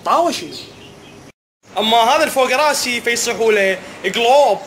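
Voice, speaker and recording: A young man with an Iraqi Arabic accent, doing an animated, mock-puzzled comic vlog monologue. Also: extremely high pitch, brisk, slight background noise. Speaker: comedy vlogger.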